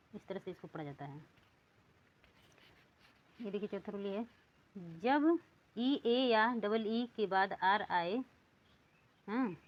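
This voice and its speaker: A woman teaching English reading rules, saying words one at a time and repeating them slowly. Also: mid-range voice, highs cut off. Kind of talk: lesson.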